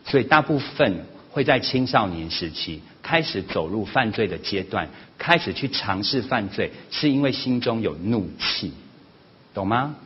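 A man giving a sermon-style parenting lesson at church, animated, often acting out family quarrels in a raised voice. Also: on the low side, unhurried, slightly rough. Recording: slightly dull lo-fi recording with faint noise.

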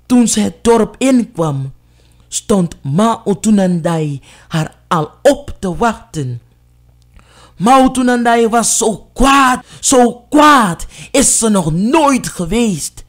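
A storyteller reading a storybook aloud with drama, dropping low and soft at tense moments. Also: expressive, takes it slowly.

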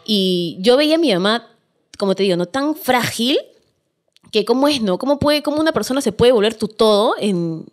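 A woman's voice: a little high, lively intonation, moderate pace, faint music behind. A Peruvian woman, a guest on a podcast, telling her own story in a casual interview, candid and emphatic.

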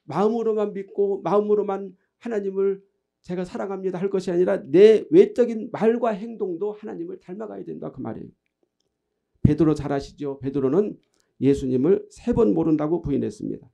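A man's voice: sits high, a little fast, creaky, mellow. A man preaching a sermon as pastor, asking the congregation questions and answering them himself.

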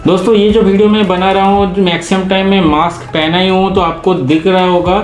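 A man with a high voice speaks through a cloth face mask, which muffles his speech. He addresses the viewers directly and explains things step by step, like a product reviewer. The room has a strong echo and soft music plays underneath. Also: level tone, fairly quick. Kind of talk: casual product review vlog.

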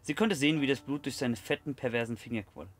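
Casual let's player. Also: male voice, mid-range voice, quick pace. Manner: casual, swears, stumbles over typos. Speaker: let's play host. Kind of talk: reading game text aloud with casual comments.

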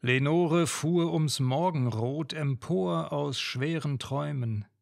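Slow gravelly man reciting a ballad. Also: fairly high pitch, a little mellow, no room sound, clean studio sound. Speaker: narrator. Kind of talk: reading a classic ballad.

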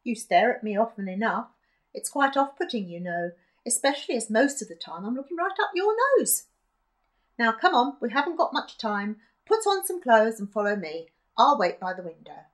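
A woman's voice: on the high side, big pitch swings, normal speed. Granny Genome, a chirpy bossy old fairy, as a woman puts her on. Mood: brisk, chirpy.

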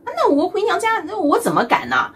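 A woman's voice: extremely high pitch, wildly swooping pitch, fast, a bit bright, a little hiss or hum. A woman from China, doing a chatty, teasing comedic monologue as a vlogger and laughing often. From mainland China.

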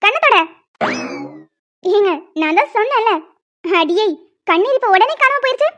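A woman's voice: very high voice, lively intonation, moderate pace, fairly bright tone, dull audio. Woman voicing a teasing young cartoon mother. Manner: teasing, scolding. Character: pregnant young mother, scolding but gentle. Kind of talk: cartoon voice acting.

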